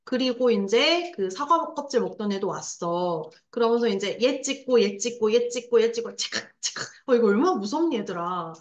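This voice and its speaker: A woman lectures students on a literary passage, lively and chatty, acting out the scenes with little sound effects. Her voice sits a little high. The room around her is echoey. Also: moderate pace, few pauses. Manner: chatty asides, addresses students directly. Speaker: Korean language teacher.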